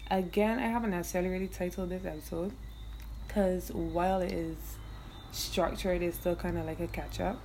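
A woman's voice: on the low side, steady tone, moderate pace, warm tone, slight background noise. A young woman from Barbados with a Bajan accent, hosting her solo podcast in loose, profane, laughing casual chat. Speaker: podcast host.

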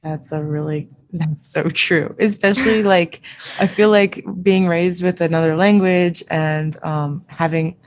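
A woman podcast host whose first language was Japanese speaks reflectively in a casual discussion, often saying "like" and "I think" as she thinks things through. Her voice is fairly low and fairly even in intonation, and she takes her time.

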